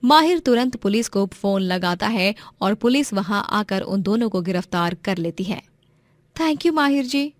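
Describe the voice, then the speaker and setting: A woman narrating a cartoon story in an even, clear storytelling manner. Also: mid-range voice, moderate pace, few pauses, no echo.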